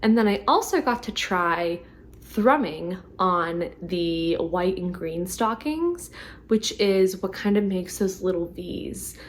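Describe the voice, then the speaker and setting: A woman vlogging about her knitting in a chatty way, full of ums and likes, a little hoarse as she is losing her voice. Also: on the low side, animated, slow, slight background noise. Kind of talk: casual chat to camera.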